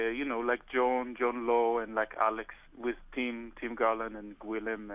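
Over a tinny, narrow phone line, an Israeli man who tours as a drummer answers interview questions. His medium-pitched voice sounds dry and close, with no echo, and he speaks hesitantly, full of "uh"s and restarts.

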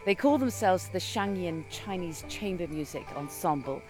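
A woman reporter giving a radio travel report in a measured, descriptive way. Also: fairly low pitch, expressive. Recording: music playing behind.

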